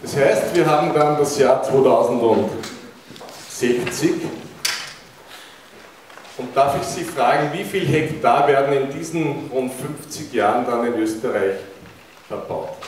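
A man's voice: medium pitch, a little mellow, recorded from a distance, slight background noise. Austrian man lecturing in an echoey hall. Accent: Austrian German. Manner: engaging, asks the audience questions. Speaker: keynote speaker. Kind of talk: public lecture. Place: large university lecture hall, indoors. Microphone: handheld mic, recorded by a far camera.

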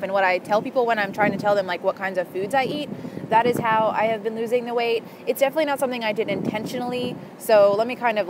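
Out in a city park, a young woman vlogs with a medium-pitched voice, talking to camera in a loose, rambling way peppered with "like" and "you know." Her earphones serve as the microphone, and the surrounding outdoor noise comes through.

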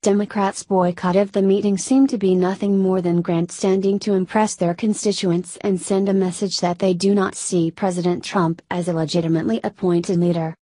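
A woman narrating scripted news in an even read-aloud delivery that garbles abbreviations. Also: medium pitch, no echo.

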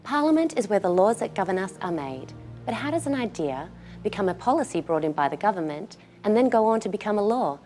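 A woman giving scripted documentary narration in a measured, explanatory way. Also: mid-range voice, big pitch swings, a little mellow, faint music behind.

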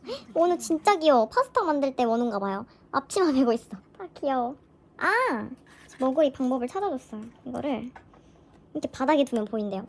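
A woman chatting casually through an unboxing vlog, gushing with excitement as a fan. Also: sits high, a little hiss or hum. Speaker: vlogger.

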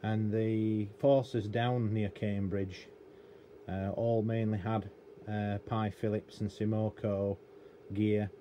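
At a cluttered electronics workbench indoors, a middle-aged British man who works as a radio technician and hobbyist presenter talks through a hands-on task unscripted, rambling and matter-of-fact. His voice is fairly low and dark, flat in delivery and slow. Room noise is noticeable behind him.

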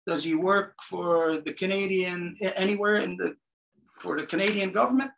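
A man's voice: sits high, moderate pace, vocal fry, a bit bright, distant mic, poor audio. A man from Kahnawake hosting a livestreamed talk, accusatory and rambling with many fillers. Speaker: host of a community talk show.

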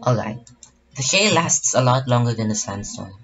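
A man's voice: mid-range voice, expressive, normal speed, a bit bright, highs cut off, faint music behind. A young man commentating his own online game battle in a casual, rambling way, full of fillers and restarts. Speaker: gaming channel host.

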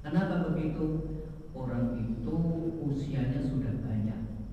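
A man giving a slow, emphatic sermon in a large mosque hall, now and then singing a phrase, recorded by a far camera. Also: medium pitch, warm tone, a little hiss or hum. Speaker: religious teacher. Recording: echoey hall from far off, dull.

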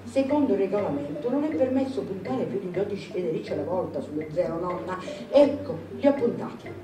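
A woman voicing a hushed, cautious young man. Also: on the low side, animated, a little fast, lightly acted. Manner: hushed, placating. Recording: echoey hall, distant mic, music.

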